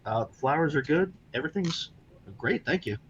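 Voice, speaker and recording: A man's voice: on the high side, expressive, fairly quick, voice pushed up, lightly acted. A man doing a friendly, easygoing farmer. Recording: dull lo-fi mic with faint hiss.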